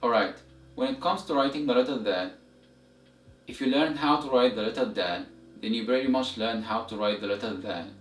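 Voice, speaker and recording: A man's voice: medium pitch, moderate pace. A man giving a step-by-step language lesson as a teacher, explaining methodically and repeating examples for learners. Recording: roomy echo, distant mic, music behind.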